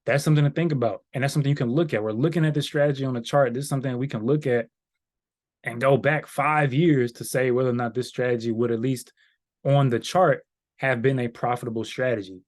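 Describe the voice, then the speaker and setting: A man's voice: medium pitch, fairly even intonation, fast. A man teaching a live class on stock charts, talking casually and breaking into sung filler sounds and asides to the chat. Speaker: trading instructor.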